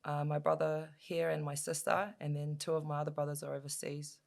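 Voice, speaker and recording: A woman in her thirties with a New Zealand accent, chatting casually as an interview guest, talkative and quick to laugh. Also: low voice, flat delivery, creaky. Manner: chatty, laughs easily, lots of fillers. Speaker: guest, MMA fighter. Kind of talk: casual chat.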